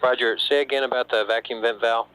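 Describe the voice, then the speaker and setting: A man's voice: mid-range voice, steady tone, quick pace, bright, forceful tone, low-quality recording. A man at mission control giving businesslike, technical instructions over space radio as capsule communicator. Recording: hissy space-to-ground radio.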